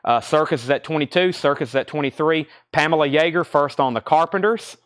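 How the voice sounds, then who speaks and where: A man's voice: on the high side, fairly quick. A man hosting a live record sale like an auctioneer, calling out items, prices, bids and names in unscripted sales patter.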